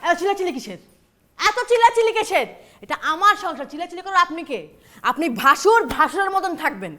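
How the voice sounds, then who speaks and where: A haughty scolding daughter-in-law. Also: female voice, extremely high pitch, big pitch swings, quick pace, a bit bright, exaggerated voice. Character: domineering daughter-in-law, harsh, proud.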